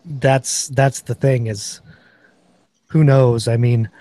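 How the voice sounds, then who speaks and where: Dark-voiced man hosting a gun podcast. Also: mid-range voice, steady tone, slow pace, no echo. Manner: chatty, reads off product specs. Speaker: podcast host. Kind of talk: casual gun review chat.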